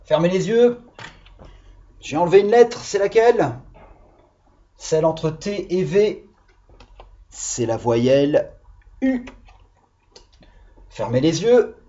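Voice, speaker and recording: Lively teacher addressing children. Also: male voice, high-pitched, slow pace, long pauses, dull audio. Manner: patient, encouraging teacher talk. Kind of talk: lesson for young children.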